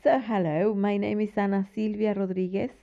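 Gravelly Mexican-accented woman. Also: medium pitch, steady tone, moderate pace. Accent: Mexican Spanish. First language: Spanish. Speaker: interviewee. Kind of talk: personal account. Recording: slightly dull lo-fi recording.

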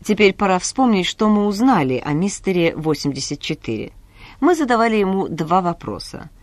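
A woman presenting a language lesson in a clear, teacherly scripted voice. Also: medium pitch, sing-song, brisk, no echo.

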